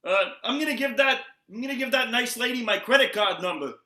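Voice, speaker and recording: A man's voice: very high-pitched, animated, fast, pushed and bright, roomy sound, full character voice. A man playing a cheerful, dim toy man built from plastic bricks, talking eagerly and rambling. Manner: eager, rambling, full of filler sounds. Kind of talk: improv comedy game.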